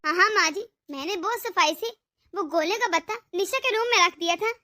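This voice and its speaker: Woman doing a sly cartoon bahu, high bright voice, taunting and bossy. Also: a little fast. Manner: sharp, taunting, threatening. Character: cunning, scheming young daughter-in-law. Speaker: voice actor.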